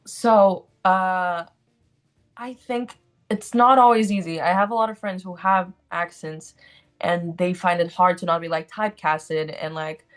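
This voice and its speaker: In an unhurried, fairly even voice on the low side, a Brazilian woman in her twenties chats with an interviewer. She's an actor with a Brazilian accent, and "like" and "um" fill her speech.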